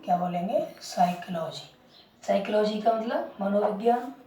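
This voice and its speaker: A woman teaching English asks her class question after question, repeating words and answers at a slow pace. Her voice is a bit high but soft and mellow, captured by a distant microphone in an echoey space with a little hiss or hum.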